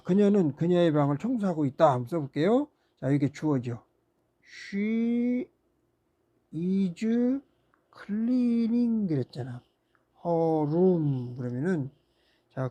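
Slow, very mellow-voiced English teacher. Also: medium pitch. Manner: patient, repeats words and asks rhetorical questions; frequent "ja" fillers between steps. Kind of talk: recorded grammar lecture.

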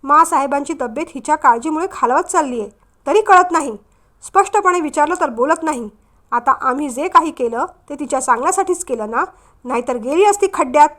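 A woman's voice: high-pitched, expressive, brisk. A woman voicing a stern, protective elder brother who speaks sharply. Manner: sharp, scolding.

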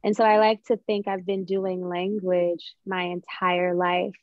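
A young adult woman, a guest playwright and poet, tells stories reflectively with thoughtful phrasing from a small room at home on a video call. Her lowish voice is flat and measured, and the call audio is dry and slightly dull, with no echo.

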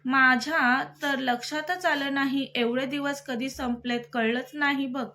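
A young husband, quick to anger but soft at heart, talking earnestly about his wife, as a woman storyteller reads him. The voice sits high and bright in her own register. It is an audiobook-style story reading. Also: steady tone.

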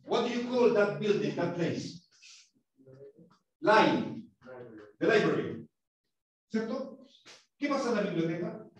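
This English classroom lesson is led by a man with a Chilean Spanish accent who asks questions and drills pronunciation. His voice sits high with lively intonation, and he takes it slowly with frequent pauses. The sound is lo-fi, echoey, and recorded with the mic far away.

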